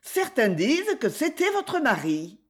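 A woman's voice: high voice, huge pitch swings, measured pace, voice pushed up, exaggerated voice. A woman voicing a composed, courteous lady who questions a suspect lightly and politely. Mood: calm. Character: calm genteel lady investigator, amiable.

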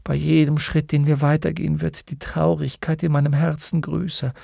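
A man reading an audiobook and voicing a weary, despairing talking horse that speaks haltingly and often in a whisper. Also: a little high, level tone, gravelly, warm tone, no echo, clean studio sound. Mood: hopeless. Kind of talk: audiobook character voice.

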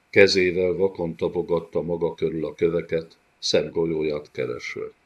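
Deep-voiced man narrating a dark fantasy. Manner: measured, dramatic reading. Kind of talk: audiobook narration. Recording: dull lo-fi audiobook recording.

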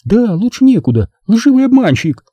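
A jealous, sharp-tongued young woman, high and shrill, full of sarcasm and accusation, as a male audiobook reader puts her on. The voice swings widely in pitch yet keeps a dark, husky grain. It sits close and dry, with no room around it. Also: sing-song, fairly quick, no room sound, heavily acted. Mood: indignant. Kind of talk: audiobook reading.

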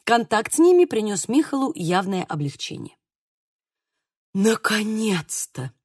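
A woman narrating an audiobook in an expressive, animated way. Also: on the high side, normal speed, no room sound, studio quality.

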